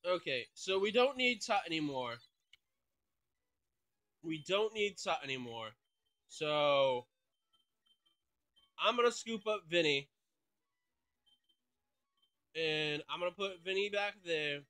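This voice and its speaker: A man's voice: fairly high pitch, lively intonation, takes it slowly, long pauses, pushed and bright. A man hosting a gaming channel, thinking aloud and swearing casually through let's play commentary.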